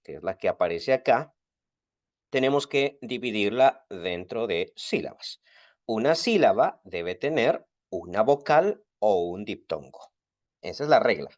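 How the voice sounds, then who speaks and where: A male teacher explains a language lesson step by step, his pitch rising and falling a lot as he stresses key words. The sound is dry and a little dull. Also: dry recording. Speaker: Biblical Greek teacher. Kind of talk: recorded lesson. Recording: dry, slightly dull recording.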